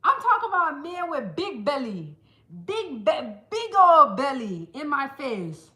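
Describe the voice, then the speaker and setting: A woman with a high voice vlogs casually to camera, animatedly telling stories and doing quick impressions of the people she quotes. The audio is poor and roomy, recorded on a small handheld camera.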